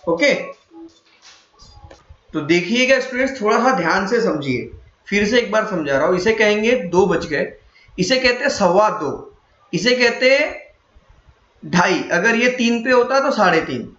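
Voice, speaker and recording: A man with a high voice teaches a math lesson, patiently going over each point again and stopping to quiz his students. The sound is roomy and echoey, and the recording is dull and lo-fi. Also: expressive, a little slow, long pauses, a bit bright. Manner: patient, repeats points and quizzes the listener. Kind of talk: explaining a classroom lesson.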